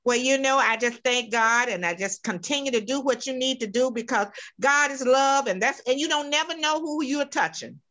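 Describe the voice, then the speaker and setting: A woman's voice: high voice, moderate pace, few pauses, pushed and bright, lo-fi sound. A woman from North Carolina, a church participant speaking on a video call. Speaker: workshop participant.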